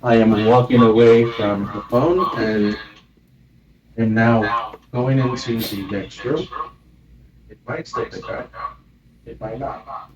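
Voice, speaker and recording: A man walks away from a phone as it records, his voice growing faint and distant from across the house. He speaks at a plain, middle pitch, slowly and steadily, like someone announcing a test. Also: steady tone, reverberant, highs cut off, a crowd in the background. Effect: far from the phone mic, faint and distant. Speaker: tutorial host. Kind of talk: casual how-to demonstration. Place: indoors at home, walking into the next room. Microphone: phone microphone left behind.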